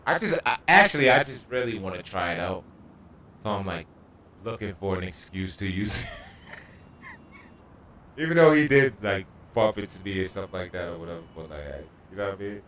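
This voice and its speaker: A man's voice: low-pitched, lively intonation, brisk, pauses often, fairly bright tone. Profane man chatting on a gaming stream. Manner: profane, slangy storytelling. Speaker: livestreamer. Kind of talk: casual gaming livestream chat. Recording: echoey room, distant mic.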